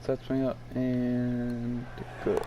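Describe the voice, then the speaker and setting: A man giving casual, low-key gameplay commentary, muttering to himself as he plays. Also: monotone, drawn-out words, noisy background. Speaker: gamer playing a golf video game.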